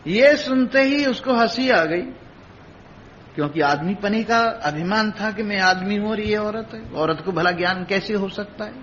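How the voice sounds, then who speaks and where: A man with a high, bright voice gives a spiritual discourse in with a tinge. He tells stories and voices the characters himself, stacking rhythmic, repeated phrases. The recording is dull and lo-fi, with a faint hiss behind him. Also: measured pace. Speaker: swami giving a discourse.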